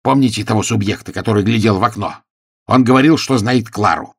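A man's voice: on the low side, a little fast, slightly rough. Man doing a timid stammering young suitor. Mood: explaining.

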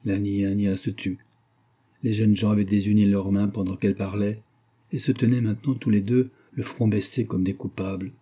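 Male audiobook narrator, husky, mellow dark tone, measured storytelling. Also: on the low side, flat delivery. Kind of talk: audiobook reading of a classic novel.

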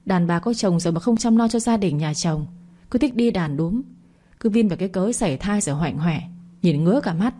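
A spoiled, bossy young sister-in-law who talks loud and sharp-tongued, as a woman storyteller puts her on. Her voice sits a little low and sounds mellow. She comes from a spoken-word family drama. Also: expressive, a little fast. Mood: scornful.

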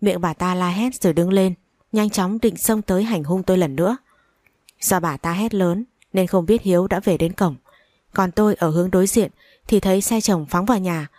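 A woman narrating a first-person family drama story in a steady reading voice. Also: lowish voice, normal speed, dry recording, clean studio sound.

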